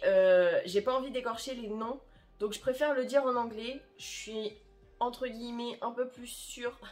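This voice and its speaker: Chatty woman presenting anime releases. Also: mid-range voice. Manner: chatty and self-deprecating, with frequent "euh" and "entre guillemets". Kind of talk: casual vlog, reading anime summaries.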